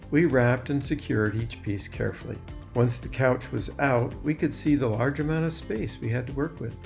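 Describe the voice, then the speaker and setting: A man narrates a scripted voice-over in a medium-pitched voice with plenty of vocal fry. He explains things step by step, with faint guitar music underneath.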